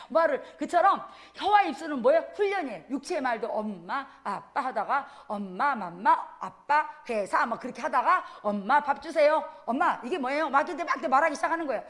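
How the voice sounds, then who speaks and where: A woman missionary teaches in a church, her voice pitched high. She talks in an animated, demonstrative way and laughs often, acting things out as she explains them to the congregation. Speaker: missionary preacher.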